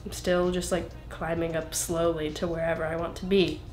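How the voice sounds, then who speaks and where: A woman's voice: on the low side, level tone, moderate pace, a little mellow, echoey room, faint music behind. Rambling young woman in her twenties. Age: 20s. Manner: rambling, self-interrupting, frequent "like" and laughs. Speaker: singer-songwriter guest. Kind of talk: casual interview.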